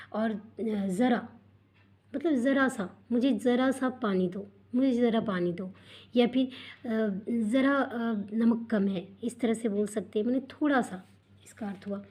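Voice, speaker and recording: Woman teacher, young adult, warm mellow tone, patient and repetitive lesson explainer. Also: a little high. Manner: patient, repetitive explaining with frequent fillers and rhetorical questions. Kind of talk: explaining a school textbook lesson.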